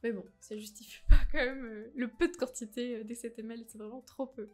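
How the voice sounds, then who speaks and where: A woman's voice: on the high side, steady tone, brisk, faint music behind. A woman giving a casual makeup review, chatty and candid, with lots of fillers and frank opinions on price and quality. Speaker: beauty vlogger.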